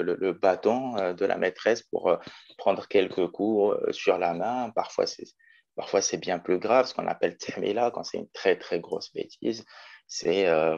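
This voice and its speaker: A man's voice: low voice, creaky, a little mellow, dull audio. A man in his twenties from Morocco, a teacher talking as a guest in a casual interview, thoughtful with many hesitations. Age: 20s. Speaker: guest, special education teacher.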